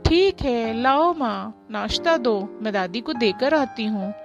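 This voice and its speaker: A headstrong, rain-loving young girl from a told story, played by a woman narrator. She sounds eager and pleading in a high voice with a touch of gravel, and a faint music bed sits behind her. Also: animated, takes it slowly, dull audio, full character voice. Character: lively, stubborn teenage girl who loves the rain. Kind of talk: storybook voice acting.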